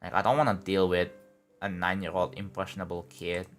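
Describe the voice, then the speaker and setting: A young male livestreamer chats casually from home while building a game level, rambling in a laid-back way and saying "like" and "bro" constantly. His voice sits low and fairly flat in pitch, a little bright, and moves fairly quickly.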